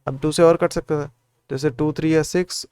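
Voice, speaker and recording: A man's voice: a little high, fairly even intonation, normal speed, a little mellow, clear, resonant tone, no room sound. A man tutoring school maths, working through textbook problems step by step, counting out factors aloud and checking in after each step. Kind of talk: solving textbook exercises step by step.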